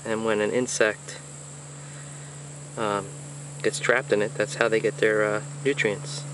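Filming himself on a walk through a swampy Florida wetland, a man with a lowish, level voice chats a little slowly about the plants and wildlife he passes, with plenty of ums and uhs. It's a casual narrated hike vlog, recorded on a handheld or body camera that never shows him, with insects and crickets sounding in the open nature around him.

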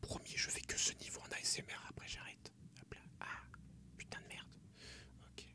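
Young man, game streamer, soft ASMR whisper, close in the ear, commentary on play. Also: quick pace. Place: small room at home, indoors.

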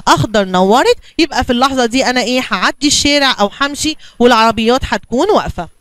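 Egyptian woman teacher, high bright voice, dry close sound, coaxing classroom tone. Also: animated, fast, no echo. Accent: Egyptian Arabic. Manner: coaxing, asks and answers her own questions. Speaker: kindergarten teacher. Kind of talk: bilingual classroom lesson for young children.

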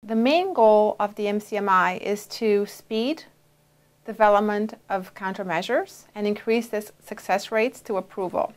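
Wearing a lapel mic in a dark studio, a mid-range-voiced interviewee in her forties, originally from Brazil and now an FDA official, responds carefully, pausing often and using fillers.

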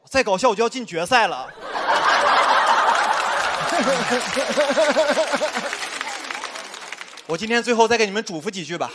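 A young man performing a stand-up comedy set on stage, telling quick self-mocking stories with constant asides to the audience. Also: sits high, heavy background noise. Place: studio stage before a live audience. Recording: live stage mic with audience laughter. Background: audience laughter.

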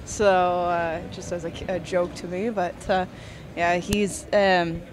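A woman's voice: lowish voice, little pitch movement, takes it slowly. Young canadian woman, chatty, filler-heavy, faint background hiss. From Eastern Ontario, Canada. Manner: chatty, many fillers and restarts, laughs easily. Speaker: podcast guest, farmer. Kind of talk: casual interview chat.

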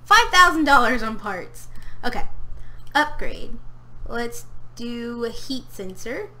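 A young woman from Tennessee streams a life-sim game from home, chatting easily with her viewers and cheering on her character. Her voice is bright and a bit high, her pace unhurried, with a faint hum of room noise behind her. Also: big pitch swings. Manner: chatty, giggly, talks to her character and chat. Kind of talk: casual live-stream commentary.

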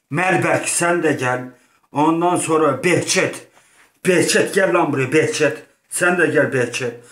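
A man's voice: medium pitch, pushed and bright. A man giving casual, playful gameplay commentary, rambling and repeating himself with slangy asides. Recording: roomy echoing room.

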